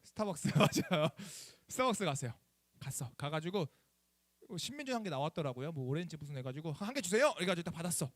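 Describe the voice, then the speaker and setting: A man's voice: a little high, fast talker, no room sound. A young man preaching to teenagers as their youth pastor, telling a personal story in a chatty way and asking them questions. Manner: animated, chatty, asks the students questions. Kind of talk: lively youth sermon storytelling.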